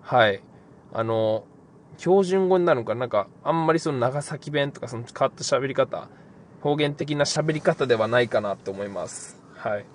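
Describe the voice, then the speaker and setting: Relaxed young man answering podcast questions. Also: mid-range voice, normal speed, slight background noise. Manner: relaxed, rambling, many fillers. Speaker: podcast host, pro basketball player. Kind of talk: casual podcast Q&A.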